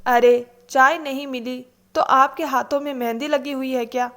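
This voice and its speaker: Woman reading a sharp-tongued daughter-in-law, sarcastic and snappy, fairly high voice; storybook. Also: fairly even intonation, moderate pace.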